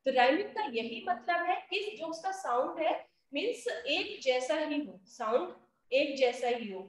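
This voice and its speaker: A young Indian woman teaching an English lesson to children, explaining slowly in a mix of Hindi and English. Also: high voice, lively intonation. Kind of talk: online class lesson. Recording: echoey, distant from the mic.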